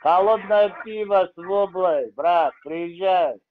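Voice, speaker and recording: A man's voice: high voice, slow pace, noisy background. A man hosting a prank phone call, stalling the caller with playful, mock-naive chatter.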